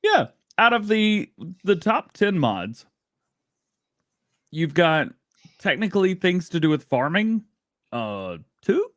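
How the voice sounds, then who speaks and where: Animated man hosting a casual stream. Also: sits high, slow, long pauses, no echo, studio quality. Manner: animated, laughs often, playful sound effects. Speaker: livestream show host. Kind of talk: casual livestream chat.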